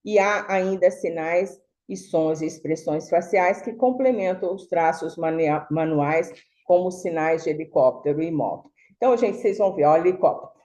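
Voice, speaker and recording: A woman's voice: lowish voice, normal speed, mellow. A woman teaching a sign language class, explaining patiently with many fillers and tag questions. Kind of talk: online lecture.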